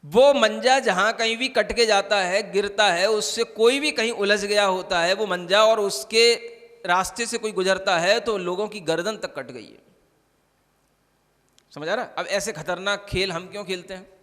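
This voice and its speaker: A man's voice: high voice, measured pace, fairly bright tone. A man, a monk, giving a conversational sermon and often checking that listeners follow. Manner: conversational preaching, keeps asking "समझ आ रहा है?". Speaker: Jain monk. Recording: long hall reverb.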